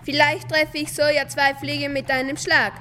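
A woman's voice: high-pitched, level tone, normal speed, pushed and bright, big-room sound, slight background noise. A woman reading the part of a grumpy, exasperated father who sends his sons out for beer, in a children's story. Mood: grumbling. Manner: bossy, exasperated. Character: grumpy thirsty middle-aged father. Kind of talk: children's story read aloud.

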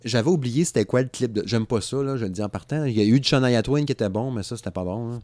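A man's voice: medium pitch, quick pace, a little mellow, no echo. A man in his thirties with a Quebec French accent, rambling casually about music on a podcast and laughing often. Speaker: podcast co-host.

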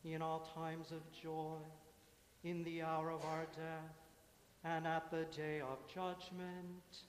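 Man chanting a slow, monotone litany. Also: fairly high pitch, a little hiss or hum. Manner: slow, measured, monotone intoning. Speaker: worship leader. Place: large church. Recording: echoey hall, mic from afar.

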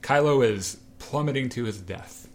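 A man's voice: mid-range voice, moderate pace. A man co-hosting a casual chat show, animatedly retelling a comic and acting out the characters' lines. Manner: animated storyteller, acts out quoted lines. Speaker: podcast co-host.

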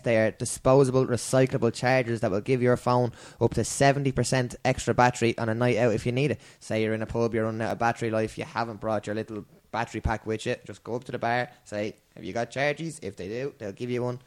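A male co-host with an Irish accent chats casually about sport. His voice is of medium pitch, and his talk is colloquial and bantering. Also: steady tone, fast talker, hardly any pauses. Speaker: podcast co-host.

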